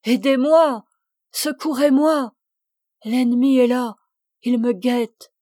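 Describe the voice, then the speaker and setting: A young man on his deathbed, torn by doubt and begging for help, as a woman reader puts him on. The delivery is unhurried and slightly high, with a mellow, warm tone. The sound is dry and close. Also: steady tone, dry recording. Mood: pleading. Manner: pleading, anguished. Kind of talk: audiobook reading.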